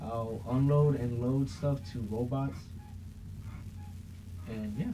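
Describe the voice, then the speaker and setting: Rambling young man, mellow voice. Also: medium pitch, steady tone, slow pace. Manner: rambling, loose and profane. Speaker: podcast host. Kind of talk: casual chat. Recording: muffled with faint hiss.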